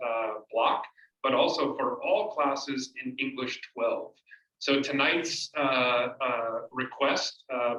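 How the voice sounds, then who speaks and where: Male administrator briefing a school board, hesitant and filler-heavy, bright tone, echoey room. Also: mid-range voice. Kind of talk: presenting at a school board meeting. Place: meeting room. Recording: dull, roomy, distant mic.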